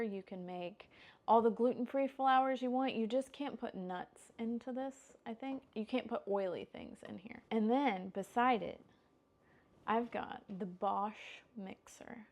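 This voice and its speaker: Woman, thirties, home vlogger, casual chat, upbeat, restarts sentences. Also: mid-range voice. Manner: chatty, upbeat, laughs often, restarts sentences. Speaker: homestead vlogger. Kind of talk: casual vlog talk to camera.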